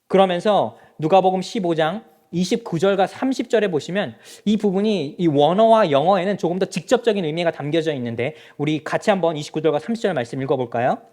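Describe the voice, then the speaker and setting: A man's voice: sits high, fast talker, hardly any pauses, warm tone. A male pastor preaching a sermon in a church, speaking straight to the congregation with rhetorical questions. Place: church sanctuary.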